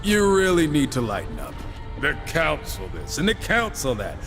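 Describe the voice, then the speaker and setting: An actor plays a sarcastic, flippant horseman in a video game cutscene, wisecracking and impatient. His fairly high voice swoops wildly in pitch at normal speed, heard through long hall reverb with music behind.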